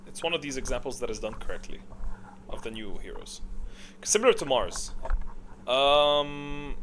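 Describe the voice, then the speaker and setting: A video creator ranking game characters offers casual, unscripted, opinionated commentary in a medium-pitched, fairly bright voice. He's expressive at a moderate pace, thinks aloud, and often answers his own questions, with a little hiss or hum in the recording.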